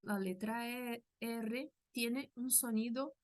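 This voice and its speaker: A woman's voice: fairly high pitch, fairly even intonation, slow pace. A woman from Brazil with a Brazilian Portuguese accent, a native Portuguese speaker, patiently explaining sounds in a language lesson and modelling each one aloud. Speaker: language teacher.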